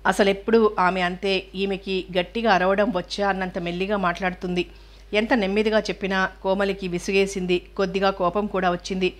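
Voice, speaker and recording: A woman narrating a novel as an audiobook in an even, measured storytelling manner. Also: mid-range voice.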